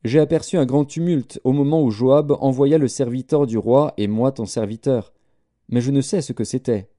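A man's voice: medium pitch, normal speed, dark tone, natural voice. A man reading aloud voices an eager young messenger who pleads to run with the news. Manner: pleading, insistent.

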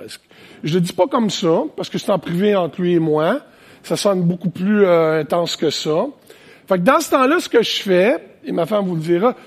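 Animated Quebecois pastor with husky voice. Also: male voice, sits high. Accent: Quebec French. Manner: animated, conversational preaching with asides. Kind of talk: sermon. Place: church, preaching to online viewers.

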